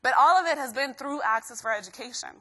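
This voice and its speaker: A young woman from Guatemala giving an energetic live motivational talk to students, constantly asking the crowd questions. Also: high voice, fast talker. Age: young adult. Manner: energetic, keeps quizzing the crowd. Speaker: motivational speaker.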